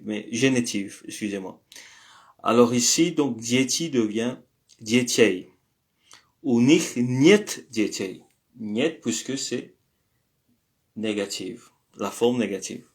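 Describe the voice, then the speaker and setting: A man teaching a language lesson, explaining step by step with patient pauses, frequent fillers and the odd self-correction. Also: mid-range voice.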